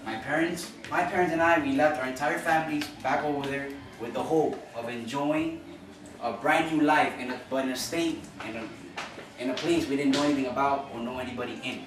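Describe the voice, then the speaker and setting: A young adult college student from Cuba gives an earnest but informal classroom speech in a medium-pitched male voice, talking a little fast. He frequently repeats and restarts phrases, and the recording comes from far off in an echoey room with noise.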